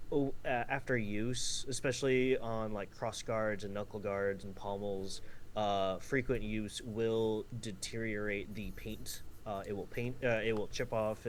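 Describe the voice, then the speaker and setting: Halting man on a noisy voice chat. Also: fairly low pitch. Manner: halting, restarts sentences often. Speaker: guest instructor. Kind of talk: casual voice chat.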